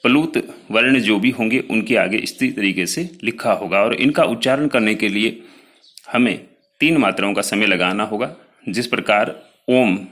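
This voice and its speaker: Bright-voiced male teacher explaining slowly. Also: lowish voice. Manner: explains slowly, spelling out sounds one by one; addresses students directly, pointing to written notes. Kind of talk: classroom lecture.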